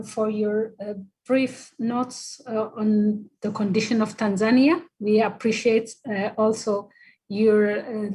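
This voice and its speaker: A woman's voice: medium pitch, darkish tone, slightly rough, low-quality recording. A woman moderating an online workshop over a video call, polite and hesitant with many fillers.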